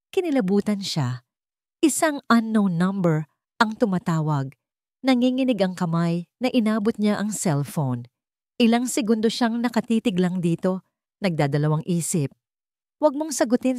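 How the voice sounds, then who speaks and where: Reading a scripted romance as a dramatic narrator, a Filipino-accented woman speaks in a fairly low, warm voice. The studio sound is clean, with no room sound at all.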